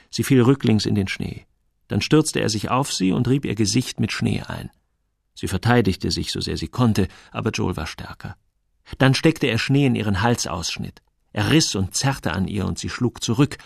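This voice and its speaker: A man reading a novel aloud as narrator in expressive storytelling. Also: lowish voice, gravelly, no echo, clean studio sound. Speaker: audiobook reader. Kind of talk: scripted narration.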